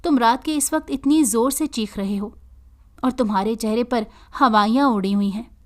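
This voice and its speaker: A woman's voice: a little high, moderate pace, lightly acted. A woman voicing a loyal young male friend who reassures the hero, in a read-aloud story. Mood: concerned.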